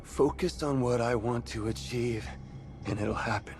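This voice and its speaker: A man playing a bitter young man who speaks quietly and coldly to his former mentor, with a menacing edge. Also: medium pitch, measured pace, over music, close to an everyday voice. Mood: cold menace.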